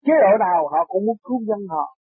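A man giving an earnest, preachy spiritual talk that turns into excited personal storytelling. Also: high-pitched, a little fast, breathy edge, no echo. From Vietnam. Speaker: spiritual teacher. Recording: tinny lo-fi tape recording, dry.

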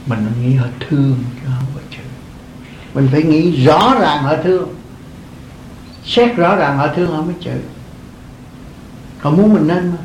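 Older monk giving a dharma talk, higher voice, roomy echo, faint rumble. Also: male voice, darkish tone. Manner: earnest, repeats phrases, chuckles often. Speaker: Buddhist monk teaching. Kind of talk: dharma talk to lay followers.

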